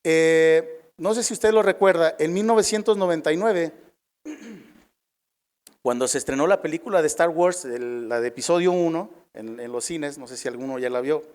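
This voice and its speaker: A middle-aged man delivers a sermon to his congregation. His voice sits a little high for a man, and he talks in a relaxed, conversational way, checking in with his listeners again and again and hesitating on small fillers. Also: normal speed. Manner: conversational, frequent tag questions and fillers. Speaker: preacher.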